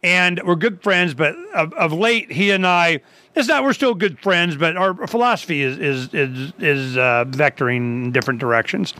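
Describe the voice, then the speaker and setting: A man's voice: on the high side, moderate pace, pushed and bright, dry recording. A man hosting a talk show, chatting casually and rambling, with many restarts and quoted asides. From Arizona. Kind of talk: casual chat.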